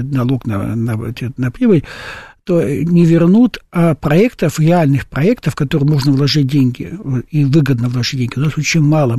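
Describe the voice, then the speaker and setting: A man's voice: mid-range voice, mellow, no room sound. A man answering an interview host's questions in an emphatic way, often asking whether the listener understands. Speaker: guest.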